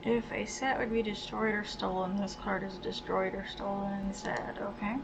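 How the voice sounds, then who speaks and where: A woman's voice: medium pitch, normal speed. A woman hosting a gaming channel, muttering casual commentary as she plays and reading card text aloud. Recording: dull lo-fi sound with steady noise.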